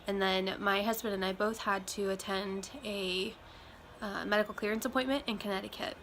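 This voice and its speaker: A young Iowa woman vlogs casually to camera from a home room with the windows open, her voice slightly nasal from a chest cold. She speaks at a moderate pace in a medium, fairly bright voice with fairly even intonation, rambling loosely and saying um a lot. Faint road traffic and wind chimes drift in behind her.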